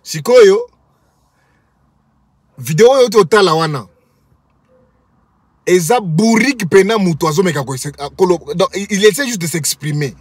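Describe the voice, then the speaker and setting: This commentary vlogger speaks in a high-sitting voice with lively intonation at normal speed, pausing often and sounding slightly rough. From inside a parked car, he mocks and insults in Lingala and French to a phone camera held at arm's length, with no echo.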